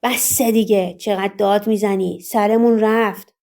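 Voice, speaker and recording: A woman's voice: mid-range voice, steady tone, warm tone, natural voice. A woman reading the part of a thick-voiced, threatening male kidnapper in an audiobook, speaking in harsh commands. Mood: irritated. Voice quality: thick, gruff voice.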